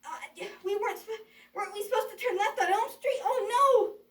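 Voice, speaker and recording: A performer voicing a childlike, excitable puppet in a children's show, exclaiming and stammering, easily frightened. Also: very high-pitched, moderate pace. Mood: worried. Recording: roomy echo, distant mic.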